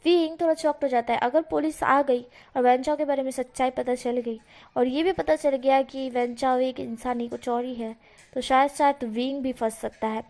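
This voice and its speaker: A woman reading fan fiction aloud as a storyteller, in a plain, steady retelling. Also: sits high, normal speed.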